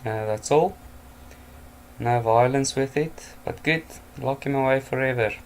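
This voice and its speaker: A man's voice: medium pitch, a little slow, slight background noise. A tired, yawning man reading out headlines at night and adding offhand remarks and chuckles. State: exhausted, yawning. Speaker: news commentator. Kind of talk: casual news commentary from home.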